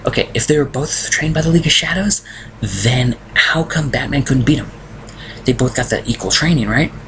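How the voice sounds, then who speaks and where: A man's voice: medium pitch, lively intonation, normal speed, a bit bright, rough recording. A young man casually reviewing a film from a room at home, exasperated and ranting. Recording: noticeable background noise.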